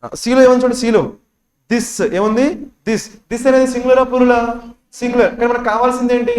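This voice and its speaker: Fast-talking high-voiced Telugu teacher. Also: male voice, level tone, darkish tone. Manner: constant quizzing questions, repeats key words. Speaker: English teacher for bank exam prep. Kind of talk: classroom lecture explaining test questions. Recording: echoey classroom sound.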